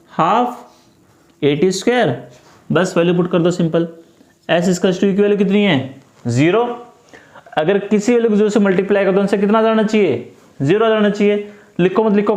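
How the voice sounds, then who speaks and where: Male tutor, high-pitched, patient step-by-step explainer, echoey room. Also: darkish tone. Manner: repetitive, coaxing, talks through each step. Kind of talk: step-by-step math lesson.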